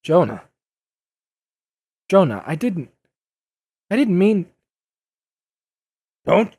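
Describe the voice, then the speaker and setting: Man playing a youthful, animated, pleading superhero. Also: sits high, husky, dry recording, exaggerated voice. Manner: emotional, imploring, halting. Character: youthful earnest masked superhero, joking but pleading and wounded. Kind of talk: dramatic audio drama acting.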